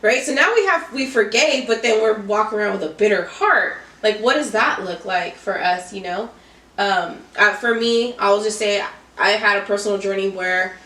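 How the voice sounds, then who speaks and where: A woman's voice: mid-range voice, fairly bright tone. A woman hosting a casual group discussion about faith, speaking reflectively and personally and putting questions to the others. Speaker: host of a group chat. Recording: roomy echo, distant mic.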